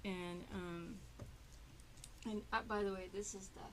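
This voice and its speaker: A woman's voice: medium pitch, fairly even intonation, unhurried, slight background noise. A woman hosting a casual interview on a local TV show, rambling with many fillers and restarts. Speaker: TV talk show host. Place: public access TV studio.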